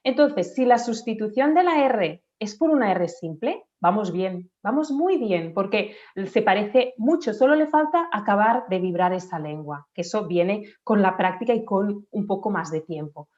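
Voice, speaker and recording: A woman's voice: mid-range voice, animated, normal speed, hardly any pauses, darkish tone. A woman patiently explaining speech development in an interview, sometimes demonstrating sounds aloud. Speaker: speech therapist guest. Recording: dull lo-fi audio.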